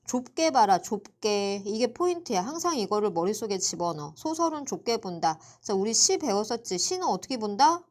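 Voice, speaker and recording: A woman's voice: mid-range voice, very animated, normal speed, few pauses. A woman tutoring Korean literature in a live online class, chatty and teasing, quizzing her students by name. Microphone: computer mic for a livestream.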